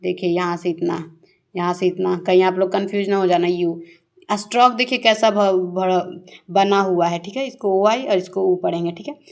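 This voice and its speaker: A woman teaching a shorthand lesson. She asks her pupils questions, answers them herself, and repeats the key words slowly. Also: fairly low pitch, steady tone, creaky, a little mellow. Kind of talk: classroom-style shorthand lesson.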